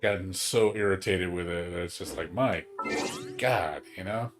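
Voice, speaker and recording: A man's voice: sits low, moderate pace, music in the background. A man streaming a game, ranting casually and profanely, rambling with lots of fillers. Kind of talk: casual chat while gaming.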